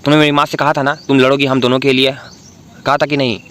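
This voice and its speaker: A man's voice: mid-range voice, level tone, fast talker, a bit bright, a little hiss or hum, natural voice. Man as a hot-tempered, arrogant rich heir in a drama recap, scolding and bossy. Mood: angry.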